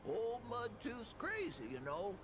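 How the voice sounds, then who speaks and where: A man playing a boastful, forgetful old storyteller in a video game, with a gravelly grandpa voice and folksy, rambling delivery. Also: extremely high pitch, huge pitch swings, unhurried, music in the background, heavily acted. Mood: secretive, boastful. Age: older. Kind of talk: video game character dialogue, tall-tale storytelling.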